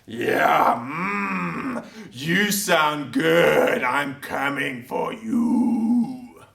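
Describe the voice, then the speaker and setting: A man playing a boastful, hungry giant warrior in a church storybook reading, booming and taunting with loud laughs. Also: expressive, extremely slow, creaky, full character voice. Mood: hungry menacing. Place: church room. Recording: roomy sound from a distant mic.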